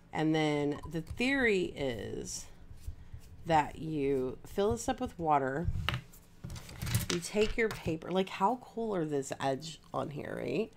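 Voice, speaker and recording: A woman with a low, gravelly voice chats casually as she crafts on a livestream. She rambles along unhurried and talks straight to her viewers, leaning on filler words. A faint hiss sits under her voice. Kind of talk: casual chat while crafting.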